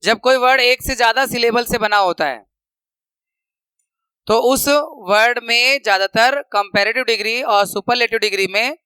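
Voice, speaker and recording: A man teaching a grammar lesson, patiently explaining slides and slowly repeating example words. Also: extremely high pitch, bright, forceful tone, clear, resonant tone, no echo, poor audio.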